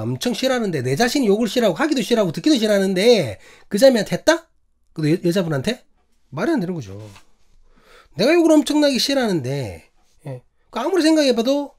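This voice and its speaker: A male pastor with a Gyeongsang accent, telling a personal story in a sermon, acting out quotes and asking the congregation questions. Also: sits high. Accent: Gyeongsang Korean. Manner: animated, acts out quotes, asks the congregation questions.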